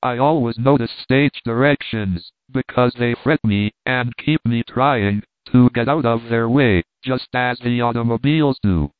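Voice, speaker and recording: A man's voice: medium pitch, a little slow, hardly any pauses, smooth, no echo. Man reading essays over a tinny line. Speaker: reader. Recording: dry, tinny phone-like sound.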